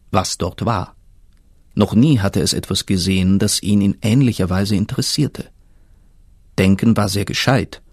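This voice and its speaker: Husky man reading a fairy tale. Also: on the low side, a little mellow, no echo, clean studio sound. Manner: slow, measured storytelling. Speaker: narrator. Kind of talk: scripted fairy-tale narration.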